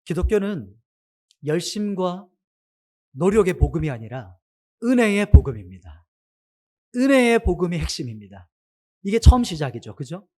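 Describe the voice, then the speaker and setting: A man preaching a sermon to his congregation, asking them many questions. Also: sits high. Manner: asks the congregation many questions, animated rise and fall.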